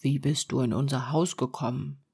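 A woman's voice: very deep voice, steady tone, normal speed, a little mellow, husky, pitched below the performer's own voice, heavily acted. Woman whispering as little kindly dwarfs. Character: seven small kindly male dwarfs. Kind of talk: whispered role-play.

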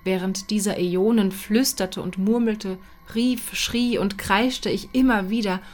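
A woman reading a horror story aloud in a dramatic, hushed manner that often drops to a whisper. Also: mid-range voice, steady tone, faint music behind. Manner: slow, hushed, sinking to whispers. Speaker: reader.

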